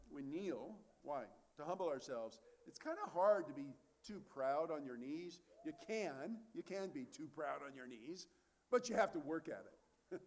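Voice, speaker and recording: A man preaching a sermon as a pastor, earnest and conversational, asking rhetorical questions and answering them. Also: fairly high pitch.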